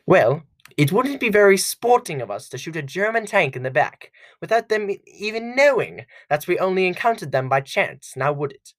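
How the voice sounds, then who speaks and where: A man doing a fussy, pompous tank commander, pitched well above his own voice and swooping through a lively, sing-song range. He is prim and gentlemanly, all stiff-upper-lip propriety, in a homemade audio story. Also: normal speed. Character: pompous old-fashioned British male tank commander.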